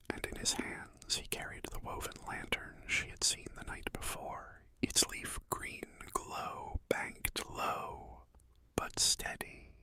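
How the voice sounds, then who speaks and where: A narrator reads a bedtime story in a soft, gentle, unvoiced ASMR whisper, taking time over each phrase. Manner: gentle, unhurried storybook reading.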